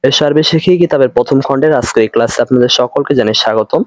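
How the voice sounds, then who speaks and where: In a dry recording, a mid-range male voice with a Bangladeshi Bengali accent leads an online Arabic grammar class. He's patient, repeats things often, and slows for each phrase in Arabic.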